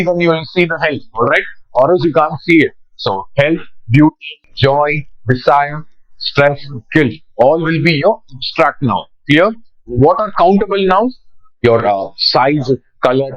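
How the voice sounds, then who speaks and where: A young man with an Indian English accent gives a grammar lesson, pitched a little high for a man. He poses questions and answers them himself. The recording is dry and slightly muffled. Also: dry recording. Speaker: teacher. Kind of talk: classroom lecture.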